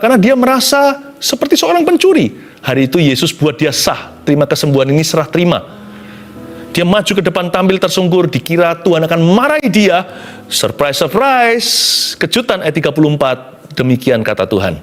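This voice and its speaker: A man preaching a sermon with great animation. His fairly high voice leaps up for excited exclamations and drops low for soft asides. Faint music plays behind him. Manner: animated preaching, mixing in English phrases. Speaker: pastor.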